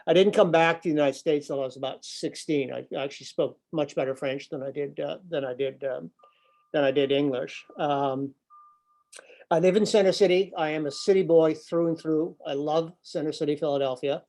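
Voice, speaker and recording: Speaking at a normal speed in a fairly high, steady, slightly mellow voice, an older environmental nonprofit director who grew up overseas addresses a business audience informally by video call. He uses many fillers and repeats words, recorded on a laptop webcam in a windowed office room.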